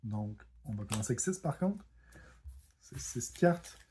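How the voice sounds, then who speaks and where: A man with a Québécois French accent casually commenting on his own card game as he plays, self-deprecating and quick to apologize for his mistakes. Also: medium pitch, lively intonation, mellow, slight background noise. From Quebec. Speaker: board game video host.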